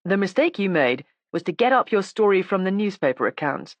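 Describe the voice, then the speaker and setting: A woman's voice: mid-range voice, big pitch swings, a little fast, no echo, dull audio, pitched above the performer's own voice, lightly acted. A cool, intimidating male police inspector in an audiobook, clipped and ironic. A woman reader voices him close to her own voice, in a dry, close-miked recording. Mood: stern. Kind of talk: audiobook character voice.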